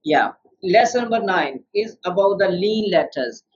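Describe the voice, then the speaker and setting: A man's voice: sits high, lively intonation, normal speed, breathy edge. A man teaching beginner Quran tajweed, explaining rules step by step and quizzing his student with questions. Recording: dull lo-fi sound.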